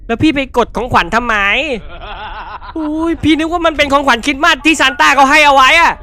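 A man's voice: extremely high pitch, fairly quick, sharp tone. A man playing a horror game on his channel, talking to viewers and letting out startled yelps and laughs. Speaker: gaming YouTuber. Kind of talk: excitable horror game commentary.

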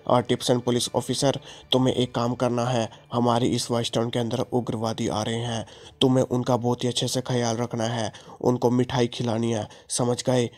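A man doing a flat-voiced crooked commissioner. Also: medium pitch, moderate pace, voice pushed down, close to an everyday voice. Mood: scheming. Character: scheming traitorous male police commissioner. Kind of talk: gameplay story voice-acting.

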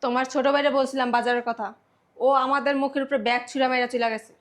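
Woman playing a sarcastic rapid-fire wife. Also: high voice, flat delivery, close to an everyday voice. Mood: complaining. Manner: complaining, sarcastic. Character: sharp-tongued young wife, sister-in-law. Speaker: actor. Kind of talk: village family drama acting.

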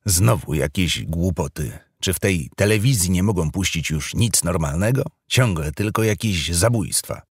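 A man's voice: deep voice, expressive, moderate pace, few pauses, breathy edge, full character voice. A man voicing a fussy, easily irritated middle-aged wife who scolds sharply, read for an audiobook. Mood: annoyed.

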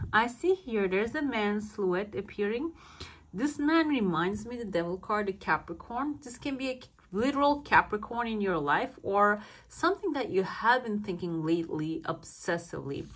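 Female fortune teller, mid-pitched voice, addressing viewers, divination reading, searching phrasing. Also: fairly bright tone. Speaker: fortune teller, channel host. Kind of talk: fortune-telling coffee cup reading to viewers.

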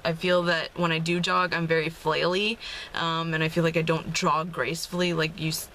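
Sitting in a parked car with rain outside, a woman in her twenties who vlogs about fitness talks to a camera held at arm's length, rambling cheerfully with frequent ums and small laughs. Her voice is fairly low with a fairly bright tone, and the poor audio carries a little hiss or hum.

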